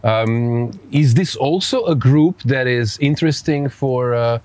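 Speaking at a measured pace in a mid-range, slightly mellow voice, this podcast host is a Serbian man in his forties. He conducts the interview in English by an outdoor pool, his Serbian accent noticeable as he hesitates and gropes for words. The recording is dry.

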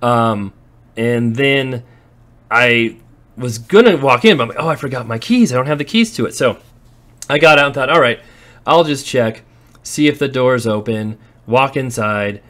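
With a phone camera in hand, a man tours his rental properties, empty warehouses and outdoor lots, talking casually for his vlog as an investor and landlord. He sounds animated, with a mid-range, slightly bright voice at a moderate pace. Stories spill out between occasional laughs.

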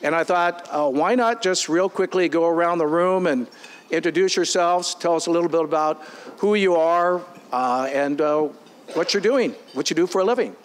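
A man's voice: fairly high pitch, normal speed. A man hosting a business forum, speaking upbeat to a meeting room with frequent ums and uhs. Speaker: forum host.

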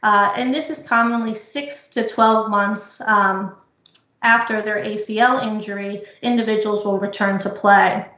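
A woman presenting research on knee injury rehab in an explanatory, measured way, with frequent fillers, over a video call. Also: mid-range voice, fairly even intonation, sharp tone. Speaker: physical therapy researcher presenting. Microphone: computer mic on video call. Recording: echoey lo-fi video call audio.

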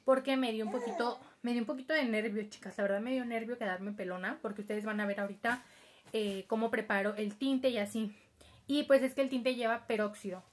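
A young woman chatting casually through a home hair-dye tutorial, hurried and addressing her viewers directly. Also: fairly high pitch. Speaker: beauty vlogger. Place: home, improvised spot.

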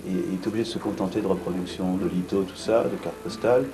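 A middle-aged man seated in a gallery cellar, answering an interview in a blunt, brisk way with many restarts. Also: sits low, steady tone, over music, low-quality recording. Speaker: art fair organizer. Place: vaulted brick gallery cellar, indoors.

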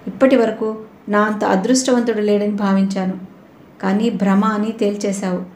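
Woman doing an earnest young husband for a storybook, persuasive, mellow tone, echoey room, barely a put-on voice. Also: medium pitch, flat delivery, normal speed, a little hiss or hum, lightly acted. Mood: pleading. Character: young husband, pleading and placating. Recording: roomy echoey recording.

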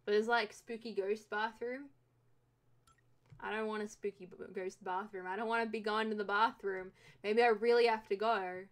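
A woman's voice: mid-range voice, fairly even intonation, normal speed. A young woman giving casual, jokey commentary while playing a video game, swearing now and then. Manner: chatty, swears, jokey asides. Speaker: game streamer. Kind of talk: casual let's-play commentary.

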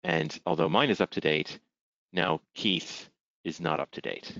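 A man with a very low, creaky voice narrates a screen-share software demo step by step. The sound is dry and dull, like lo-fi video call audio from a screen recording. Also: very animated, unhurried, no echo. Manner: step-by-step, methodical. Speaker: software presenter.

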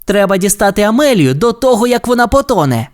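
A confident boy who leads a puppy rescue team, done by a woman reading a storybook. The voice is lifted somewhat over her own, with a lively lilt. He gives orders in an upbeat, commanding way. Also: mid-range voice, fast talker, pitched above the performer's own voice, close to an everyday voice. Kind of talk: audiobook character voice.

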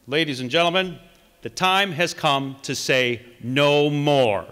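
Bright, emphatic man speaking in a hall. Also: fairly high pitch, smooth. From Wisconsin. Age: middle-aged. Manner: reads from notes, emphatic measured delivery. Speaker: political candidate. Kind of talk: read campaign speech. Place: large conference hall, indoors. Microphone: podium microphone. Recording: long hall reverb.

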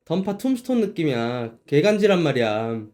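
A man's voice: on the high side, big pitch swings, moderate pace, darkish tone. A man giving casual, chatty reaction commentary on game footage as a streamer.

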